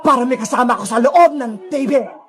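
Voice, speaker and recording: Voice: medium pitch, a little fast, a bit bright, slight background noise, pitched below the performer's own voice, close to an everyday voice. A performer voicing a sly, taunting female ghost who lives in a TV, in a cartoon. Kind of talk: cartoon voice acting.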